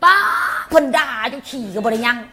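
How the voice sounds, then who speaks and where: A young Lao-accented woman tells a story to her viewers in a casual, unfiltered way. Her voice sits high and rings bright and sharp. She speaks bluntly, uses coarse words, and rattles off the same word over and over. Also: brisk. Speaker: channel host.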